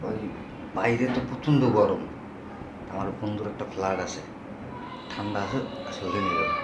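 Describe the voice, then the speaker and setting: A man's voice: lowish voice, normal speed, heavy background noise, natural voice. A man playing a pushy, selfish young fiancé, insistent and dismissive. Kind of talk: amateur short-film acting.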